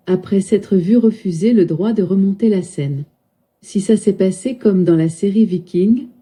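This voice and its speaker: Dark, husky synthetic assistant woman. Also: mid-range voice. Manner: polite, evenly paced, announcer-like.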